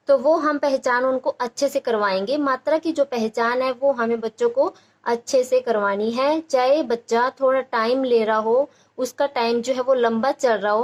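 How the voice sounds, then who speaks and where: A young woman teaching a phonics lesson, with a fairly high voice. She breaks words into syllables and draws each sound out slowly and patiently. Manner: slow, drawn-out syllable-by-syllable sounding out. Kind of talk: Hindi phonics lesson for parents.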